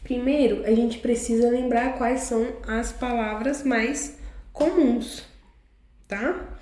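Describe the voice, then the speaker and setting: A woman teacher explains a lesson patiently, piece by piece, often ending sentences with a quick check on her students. Her voice sits a bit high but sounds mellow. The room around her is noticeably echoey. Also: steady tone. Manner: explains slowly, often tags sentences with a question. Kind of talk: online class lesson.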